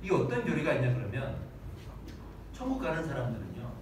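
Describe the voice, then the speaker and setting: A man's voice: medium pitch, wildly swooping pitch, brisk. A male pastor in his thirties preaching a Sunday sermon, dramatically acting out prayers and children's voices. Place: church hall, large and echoey. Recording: very echoey hall, distant mic, faint noise.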